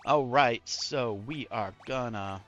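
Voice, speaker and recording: A man's voice: medium pitch, slow, a bit bright, faint music behind. A man giving casual, rambling, self-deprecating live commentary as he plays a video game. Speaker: game streamer.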